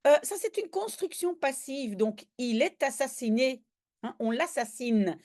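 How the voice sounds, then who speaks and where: Slow, lively Flemish-accented woman teaching. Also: high-pitched. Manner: lively, with animated bursts when voicing characters' cries. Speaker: language teacher. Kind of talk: reading a comic aloud and translating line by line.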